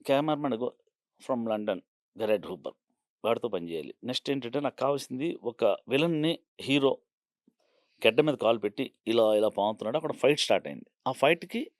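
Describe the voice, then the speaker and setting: A man's voice: medium pitch, lively intonation, a little fast, dry recording, studio quality. A man from Bhimavaram, an art director, telling anecdotes in a casual interview and acting out the dialogue of others. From Bhimavaram, Andhra Pradesh, India. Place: studio interview.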